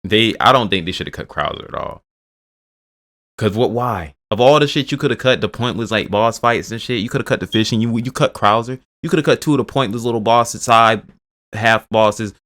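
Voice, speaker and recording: A man's voice: lowish voice, a little fast, fairly bright tone. A man casually rambling through reaction commentary, swearing often and restarting his sentences. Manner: rambling, profane, restarts a lot. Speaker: video host reacting to game news.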